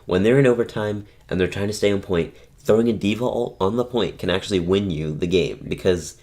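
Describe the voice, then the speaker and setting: A man's voice: deep voice, fairly quick, a little mellow. A man giving casual commentary over his own match footage, rambling and often correcting himself as he explains. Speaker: gaming tutorial host.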